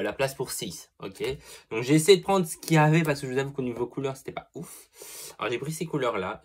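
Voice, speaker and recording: A young man talks through a makeup haul in a loose, gossipy vlog style. He is chatty and expressive, swears freely, and gushes over each product as he goes. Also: mid-range voice. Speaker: beauty vlogger. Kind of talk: casual makeup product review.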